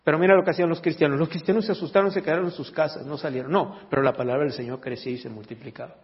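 A man preaches to a church congregation in a fairly high voice, reading scripture and then stepping away from the text to joke with his listeners. The recording sounds dull and lo-fi. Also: rapid-fire. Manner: lively, joking asides to the congregation, reads scripture aloud. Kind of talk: sermon.

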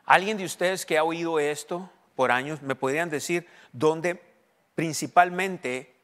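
A man's voice: fairly high pitch, measured pace, fairly bright tone. A man preaching a bilingual sermon in Spanish and English, often asking his congregation questions and reading scripture aloud. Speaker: pastor. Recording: long hall reverb.

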